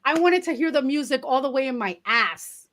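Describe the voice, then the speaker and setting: A woman from New York co-hosts a casual podcast with a slightly high voice. She talks in an animated, blunt and playful way. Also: brisk, a little hiss or hum. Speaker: podcast co-host. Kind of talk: casual chat.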